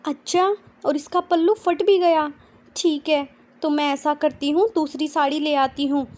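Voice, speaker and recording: A woman's voice: high-pitched, measured pace, darkish tone, pitched above the performer's own voice. A woman voicing a bubbly, cheeky young woman who talks in a chirpy, playful, exclaiming way. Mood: eager.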